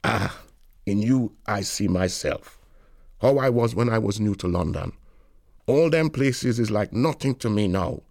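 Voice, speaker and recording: A man reading a novel aloud in a lilting, expressive storytelling manner. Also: fairly low pitch, a little slow, creaky, no room sound, clean studio sound. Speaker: reader.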